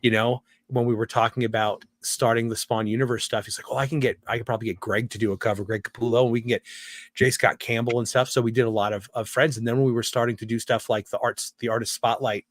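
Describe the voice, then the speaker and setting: A man guesting on a comics talk show, telling relaxed stories in casual chat and acting out the voices of people he quotes. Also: medium pitch, fast, dry recording.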